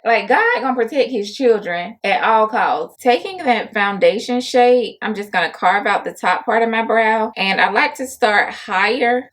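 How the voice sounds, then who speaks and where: A woman's voice: medium pitch, a bit bright. A young woman, chatting casually to her viewers about a difficult client while she does her makeup, often exasperated. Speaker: makeup artist and vlogger.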